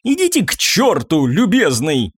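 A man voicing a panicky, cowardly man who is out of breath, whining and frantic in a high voice. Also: very animated, moderate pace, dry recording, studio quality.

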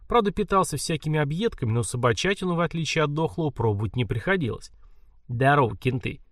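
Man, audiobook narrator, expressive reading, animated pitch, dry studio sound. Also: fast, no room sound. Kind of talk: scripted narration.

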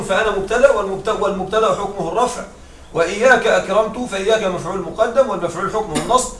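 Man, high voice, grammar teacher, classroom lecture, checks in with students often, slow spelled-out examples, echoey classroom. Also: fairly bright tone. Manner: keeps checking in with students with short questions; repeats and spells out example phrases slowly. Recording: echoey room with faint noise.

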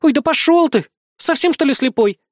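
A shrill, hot-tempered young woman with a sharp tongue, scolding and mocking, high above the reader's own voice, as a man puts her on. She sounds loud and pushy. The audiobook recording is dry and close. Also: very animated, normal speed, no room sound. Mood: teasing.

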